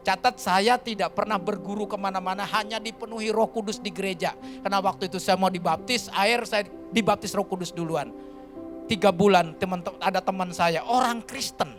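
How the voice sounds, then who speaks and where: A high-pitched man from Kalimantan preaching in church, telling his story in a loose, chatty way. He keeps calling out to the congregation as he goes, and clear music plays behind his voice. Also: fairly quick. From Kalimantan, Indonesia. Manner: lively, colloquial, keeps addressing the congregation. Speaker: pastor. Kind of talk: storytelling sermon.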